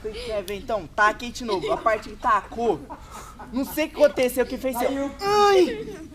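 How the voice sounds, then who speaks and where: A man tells a story to friends by an outdoor campfire, in a relaxed, slangy way. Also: high-pitched, brisk. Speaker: storyteller in a group. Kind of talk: casual storytelling around a campfire. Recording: crowd of friends nearby.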